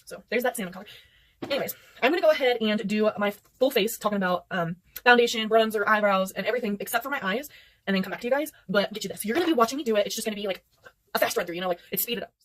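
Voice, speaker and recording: Racing along in a mid-range voice, a young beauty vlogger rambles chattily through a makeup tutorial, making self-deprecating jokes. The audio quality is poor. The recording takes place indoors at night under artificial light.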